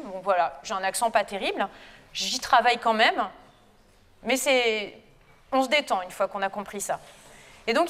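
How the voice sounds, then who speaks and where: A woman's voice: a little high, big-room sound. A French woman, a lecturer and researcher, giving a chatty, informal conference talk to students with frequent hesitations. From France. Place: lecture hall.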